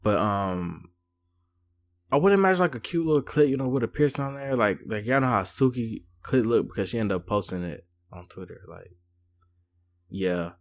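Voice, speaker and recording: A man's voice: lowish voice, animated, normal speed. Slangy young man reviewing reality TV. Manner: chatty, slangy, lots of "like" and "um". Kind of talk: casual commentary.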